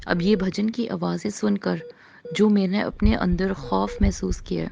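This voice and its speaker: A woman recounts a frightening night in an earnest, halting testimony, dropping English phrases in as she goes. Her voice is heavily gravelly with fry. The recording is muffled and lo-fi, with a faint hiss underneath. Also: fairly low pitch. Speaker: storyteller sharing a personal experience. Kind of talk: emotional first-person testimony.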